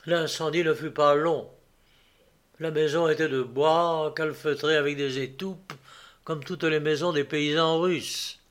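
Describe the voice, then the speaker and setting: A male narrator reads a classic tale at an unhurried, deliberate pace. His voice is somewhat higher than most men's and stays steady and measured throughout. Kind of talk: audiobook reading.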